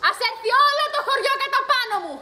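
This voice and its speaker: A woman's voice: extremely high pitch, pushed and bright, slight background noise, heavily acted. A woman on stage playing a defiant, passionate youngest sister, declaiming fiercely, recorded live and echoey. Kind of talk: amateur stage acting.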